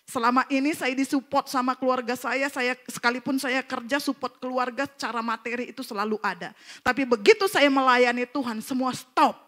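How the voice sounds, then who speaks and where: A woman from North Sumatra preaching a church sermon, addressing the congregation animatedly and swinging between loud exclaiming and hushed asides. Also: sits high, fairly even intonation, a little fast. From North Sumatra, Indonesia.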